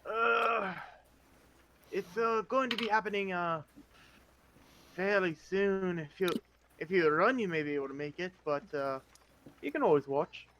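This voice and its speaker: A man voicing a hesitant jester in a tabletop game, halting with many ums and uhs. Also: high voice, fairly bright tone, slight background noise. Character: hesitant jester riding a ball.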